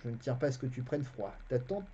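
A reader voicing a calm, protective older farmhand who talks in a level, slightly ominous way. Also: mid-range voice, fast talker, slight background noise, close to an everyday voice. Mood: calm, wary. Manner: calm, approving, a bit ominous. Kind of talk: fantasy novel read aloud. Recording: dull, lo-fi stream audio.

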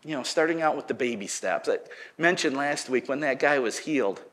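A middle-aged man preaching a sermon in a church, telling a folksy story in a relaxed way and getting loud and lively as it peaks. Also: mid-range voice, brisk, slight background noise. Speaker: pastor. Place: church sanctuary.

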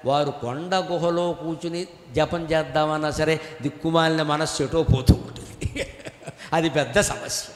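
A man giving a spiritual discourse, animated and teasing, sometimes chanting verses. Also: a little high, moderate pace. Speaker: spiritual lecturer. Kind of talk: Telugu religious discourse. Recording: echoey hall.

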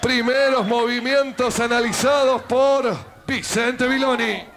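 Argentine man, wrestling play-by-play commentator. Very high, excited delivery with emphatic repetition, over a noisy live arena. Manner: emphatic, repeats phrases, drawn-out exclamations at big moves. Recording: loud crowd and arena noise. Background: wrestling crowd in small indoor arena.

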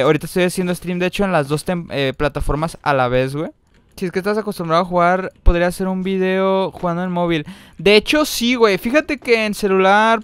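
A young man with a Mexican Spanish accent giving casual gameplay commentary, full of slang and breaking into loud excited yelling. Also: sits high, clean tone, no room sound. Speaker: gaming streamer.

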